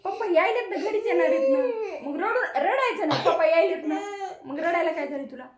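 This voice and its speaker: A high-pitched woman talks softly and patiently, coaxing with little repeated questions as she films a casual home vlog. Her voice rings in an echoey room at home. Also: expressive, brisk. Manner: gently coaxing, repeatedly prompting with short questions. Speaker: mother and vlogger.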